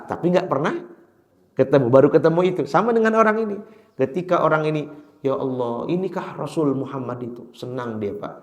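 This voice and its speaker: A man with a Sundanese accent preaches in a mosque, his voice at an ordinary middle pitch. He tells his story with sudden high, loud bursts and slows down to chant verses. The room around him rings with echo. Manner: chants Quran verses slowly. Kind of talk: mosque sermon. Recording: echoey mosque hall.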